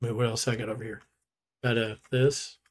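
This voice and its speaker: A man's voice: medium pitch, little pitch movement, normal speed. A man co-hosting a podcast, chatting casually in a rambling, easygoing way. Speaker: podcast co-host. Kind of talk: casual chat.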